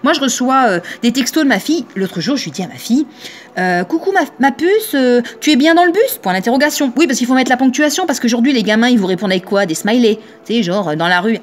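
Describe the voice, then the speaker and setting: A woman's voice: a little high, animated, fast, a little hiss or hum. Chatty teasing woman in her thirties. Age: 30s. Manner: chatty, teasing, acts out quoted voices. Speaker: shop owner. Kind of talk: casual monologue to camera.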